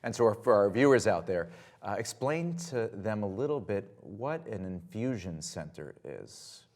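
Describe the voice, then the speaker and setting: A man hosting a public television health interview, opening his lines with energetic emphasis. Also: fairly low pitch, unhurried. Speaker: host.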